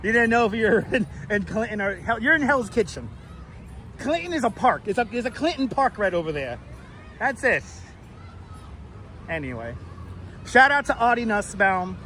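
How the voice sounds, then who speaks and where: A man with a real Brooklyn accent and a high, bright voice chats casually as he hosts a street livestream. He is blunt, swears freely and circles back over his own phrases, with some city traffic noise around him. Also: very animated, moderate pace, long pauses, a faint crowd. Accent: Brooklyn New York. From New York City. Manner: repeats phrases, blunt, salty language. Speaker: live streamer and host. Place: outdoors on a Manhattan street.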